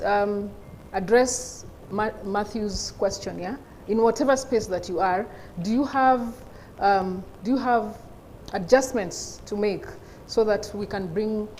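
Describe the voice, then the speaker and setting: A woman's voice: mid-range voice, darkish tone, rough recording. Lady panel moderator, mid voice, bit of room noise at a live event.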